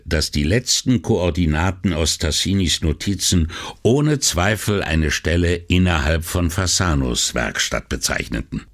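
A man reading a crime novel aloud in a measured, steady scripted narration. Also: low voice. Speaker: audiobook narrator.

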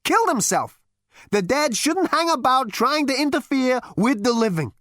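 A woman's voice: medium pitch, big pitch swings, unhurried, dry recording, clean studio sound, voice pushed up. A woman doing a brash, ranting space rogue. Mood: furious. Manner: ranting, defiant. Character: brash, petulant young male space rogue. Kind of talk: audiobook character voice.

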